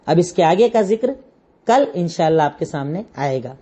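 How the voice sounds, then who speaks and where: A woman teaching an Islamic lesson, retelling a prophet's story with lively storytelling and rhetorical questions. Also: low voice. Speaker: religious teacher.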